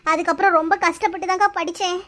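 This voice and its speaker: A woman with an extremely high, bright, forceful voice and steady tone does cartoon voice acting as a mistreated young village woman in her 20s. In a sorrowful mood, she tells of her hardships in rapid, tearful, pleading storytelling.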